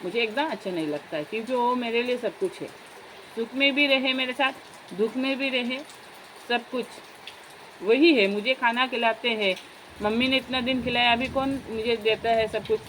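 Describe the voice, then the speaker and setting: A woman's voice: fairly high pitch, normal speed, fairly bright tone, slight background noise, rough recording. A young woman vlogger in casual chat, talking straight to her viewers as friends in a chatty, confiding way.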